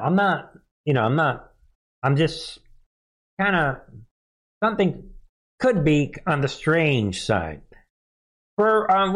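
A man hosting a live news commentary stream, reading viewer comments and posts aloud in a hesitant, rambling way full of rhetorical questions. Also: medium pitch. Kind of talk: casual livestream commentary, reading chat and posts.

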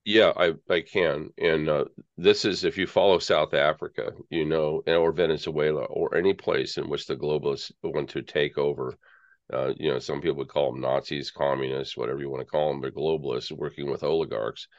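A man's voice: extremely low pitch, steady tone, moderate pace, no room sound. An American man giving conversational political commentary as an interview guest, in an earnest, rambling, conspiratorial rant. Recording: dull lo-fi audio.

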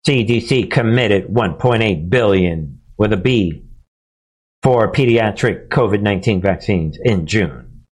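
A man hosting an informal political commentary, ranting to his followers in a conspiratorial, alarmist and mocking manner, in halting, broken phrases. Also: lowish voice, lively intonation, husky. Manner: mocking, sarcastic, chuckling asides. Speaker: host of a political commentary show. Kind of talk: informal monologue news commentary.

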